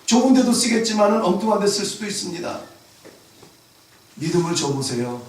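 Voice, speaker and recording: A male pastor giving a Sunday sermon, emphatic and rising to shouts at key points. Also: high-pitched, very animated, fairly quick, distant mic. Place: church sanctuary. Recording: very echoey church hall, voice from afar.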